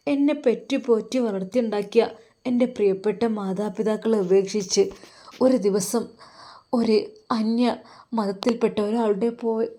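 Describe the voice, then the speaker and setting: A woman voicing a homesick, remorseful young woman who prays softly and tearfully in a spoken story. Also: on the high side, lightly acted. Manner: soft, tearful prayer.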